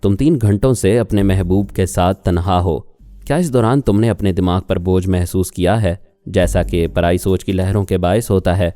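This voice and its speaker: A man voicing a calm male telepath who reasons patiently on the phone, in an audiobook reading. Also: low voice, no room sound, soft background music, close to an everyday voice. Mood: persuasive.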